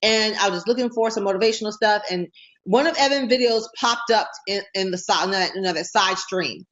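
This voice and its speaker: A bubbly, excitable woman hosts a laid-back talk show in a quick, casual interview style, often laughing as she chats. Her pitch sits in the middle range, and the recording sounds dull and a little lo-fi.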